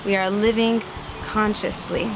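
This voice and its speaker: This woman's medium-pitched voice is unhurried and creaky, with noise behind it. Her inspirational religious talk is earnest and lively, with inner voices acted out and occasional light laughter.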